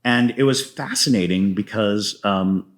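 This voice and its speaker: A man with a low-side voice speaks a little slowly as a guest playwright in an interview. He talks casually about his own writing, telling stories and slipping into quoted lines.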